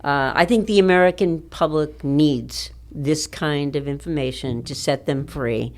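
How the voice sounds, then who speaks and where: A woman's voice: low voice, unhurried. A woman, older, as a podcast interview guest, explaining things in a confident, explanatory way.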